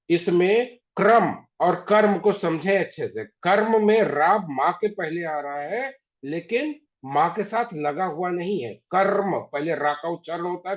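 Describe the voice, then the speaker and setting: A man teaching an online class, patiently repeating words slowly to drill pronunciation. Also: fairly high pitch. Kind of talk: online class on Hindi spelling. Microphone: video call. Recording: dull lo-fi video call audio.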